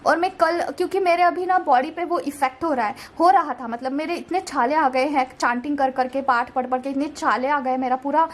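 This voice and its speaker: A woman's voice: high voice, fairly quick, hardly any pauses. A young woman giving a casual, reassuring tarot card reading, mixing English words into her Hindi. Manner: gentle, reassuring, keeps saying "theek hai".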